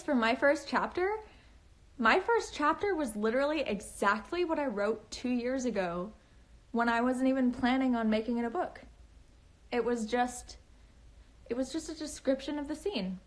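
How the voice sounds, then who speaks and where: Speaking slowly and expressively with long pauses, a young woman with a fairly high voice hosts a relaxed home livestream for her fans, recorded on a phone. As an author reading comments, she rambles nervously in valley-girl style, restarting often and using lots of fillers.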